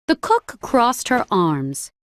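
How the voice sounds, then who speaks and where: A woman reading a children's storybook aloud in a clear, measured narration. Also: fairly high pitch, wildly swooping pitch, slight background noise.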